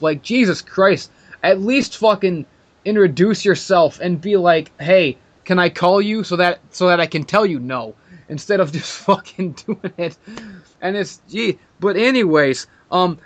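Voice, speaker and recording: A man hosting a podcast, ranting in a profane, sarcastic and mock-arrogant way in casual chat. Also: high-pitched. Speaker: podcast host.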